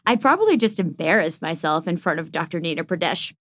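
A woman's voice: on the low side, lively intonation, fairly quick, a bit bright, no room sound, clean studio sound. A woman playing an anxious, self-doubting young woman who rambles through her diary entry in a comedy audio drama.

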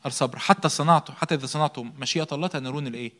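A man's voice: mid-range voice, rapid-fire, fairly bright tone. A young man with an Egyptian Arabic accent preaching a sermon, asking rhetorical questions, answering them himself and repeating key words for emphasis.

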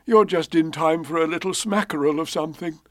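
A man voicing Winnie the Pooh, a kind and slow-witted male teddy bear, in an audiobook. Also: on the high side, no room sound, studio quality, voice pushed up, natural voice. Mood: cheerful. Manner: slow, gentle and musing. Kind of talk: audiobook character voice.

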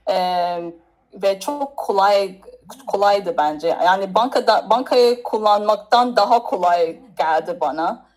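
A woman's voice: medium pitch, unhurried, darkish tone, low-quality recording. Hesitant woman from Nigeria chatting. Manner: hesitant, searching for words in non-native Turkish. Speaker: interview guest. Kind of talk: casual interview chat.

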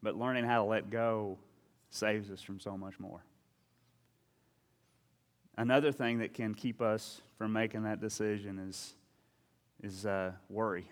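A man's voice: lowish voice, in a large hall. A man preaching a sermon as a pastor, talking in a conversational, storytelling way with frequent asides and restarts.

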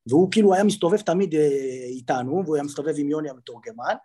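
A man with a fairly high, husky voice spins an animated story as a podcast guest. He keeps stopping to restart and fill gaps mid-sentence, so the talk comes out loose and conversational. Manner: lively storyteller with many fillers and restarts. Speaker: podcast guest, former footballer. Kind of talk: animated anecdote telling in conversation.

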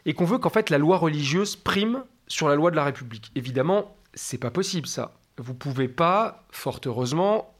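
A man's voice: fairly high pitch, lively intonation, moderate pace, hardly any pauses. A man speaking as a guest expert in an interview, explaining in a didactic way and stacking up lists of examples.

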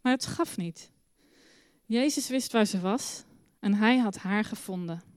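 A woman telling a Bible story to children in church, with a lively, expressive storytelling manner. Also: medium pitch, a little slow, clear, resonant tone, no room sound.

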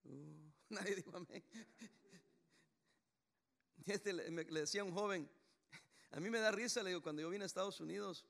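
Animated pastor with a gravelly voice. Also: male voice, sits high, moderate pace, pauses often. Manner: animated, acts out voices in storytelling. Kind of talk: sermon.

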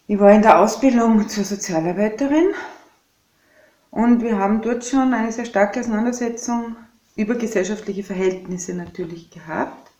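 A woman in her fifties with an Austrian German accent, speaking in a measured, reflective way as a guest in a podcast conversation. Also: medium pitch, darkish tone, reverberant. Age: 50s. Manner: reflective, measured, thinks aloud.

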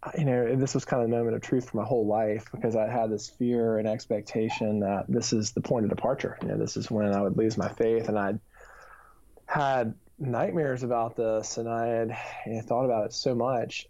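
This thirty-something author and youth minister has a dark-toned, mid-range voice. Speaking earnestly and reflectively, he shares his personal testimony during an interview, often leaning on fillers, captured in a dull, lo-fi recording.

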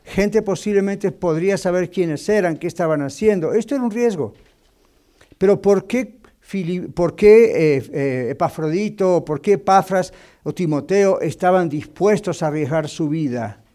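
Pastor with a dark, fairly high voice. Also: male voice, moderate pace. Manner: sprinkles English fillers and keeps asking the class "right?". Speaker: pastor teaching a Bible class. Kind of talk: conversational Bible teaching. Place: church classroom in the United States.

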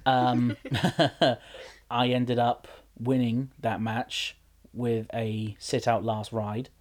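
An extremely slow, mid-range male voice belongs to a wrestler who is also a general manager. Chatting on a laid-back podcast, he tells animated stories and keeps restarting mid-thought.

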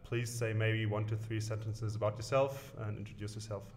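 Guy hosting a podcast, easygoing, lots of little pauses while he asks stuff. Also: lowish voice, flat delivery, a little mellow. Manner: easygoing, asks questions with frequent hesitations. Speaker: podcast host. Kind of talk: casual interview hosting.

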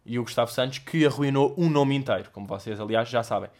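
Speaking fast at a medium pitch, this young Portuguese vlogger with a European Portuguese accent fields viewer questions. His casual, comedic monologue is packed with swearing. He acts out his stories with mock voices and sound effects.

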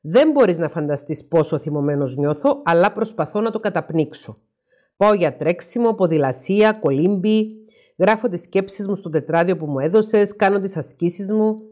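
A frustrated, confused young husband, read aloud by a woman, confiding his hurt in a plain way. His voice sits low but rises and falls a lot. He sounds worn down. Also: lively intonation, a little mellow.

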